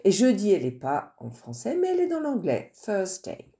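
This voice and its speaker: A woman teacher recording a lesson from a textbook, slow and deliberate, spelling out each word with care. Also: mid-range voice, wildly swooping pitch, warm tone.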